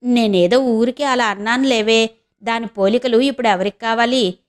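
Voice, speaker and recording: A sly, scheming old mother, voiced by a woman narrator in an audio novel. She drags out her words in a slow, insinuating drawl, her voice sitting fairly high. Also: close to an everyday voice. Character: scheming elderly village mother, sly and blunt.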